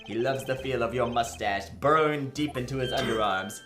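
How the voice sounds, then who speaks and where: A man's voice: medium pitch, a little fast, lightly acted. A man playing a cheeky, sarcastic young defense attorney in an overacted amateur game dub, casual and irreverent. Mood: probing, teasing. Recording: roomy echo, music behind.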